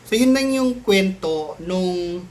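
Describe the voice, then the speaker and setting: A man's voice: high-pitched, animated, slow pace, darkish tone, a little hiss or hum. A man casually telling his own ghost story to his channel in a chatty, meandering way, with many restarts and sudden rises in his voice at the tense parts. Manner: chatty, mixes Tagalog and English, many restarts and fillers.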